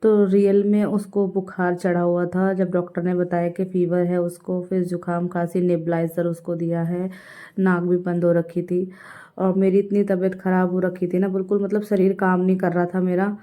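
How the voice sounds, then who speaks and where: A woman's voice: on the low side, little pitch movement, normal speed, warm tone. A woman in her thirties chatting casually to her viewers in a home vlog, mixing English words into her talk. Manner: chatty, addresses viewers directly; mixes English words into Hindi. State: unwell with fever. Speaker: vlogger.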